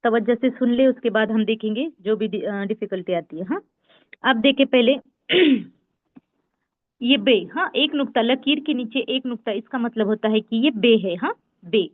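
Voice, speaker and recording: A woman teaching an online Urdu class, patiently sounding out letters slowly and repeating them. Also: on the high side, no room sound. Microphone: online class call. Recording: tinny phone-like call audio.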